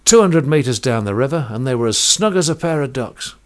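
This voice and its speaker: A man voicing a male harbour master who reports the news in a brisk, matter-of-fact way. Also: medium pitch, animated, close to an everyday voice.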